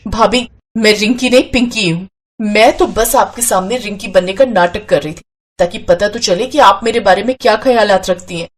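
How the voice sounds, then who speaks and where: A woman voicing a hot-tempered, sharp-tongued young woman who scolds angrily in a cartoon. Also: mid-range voice, normal speed, natural voice. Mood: defiant. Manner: angry and scolding.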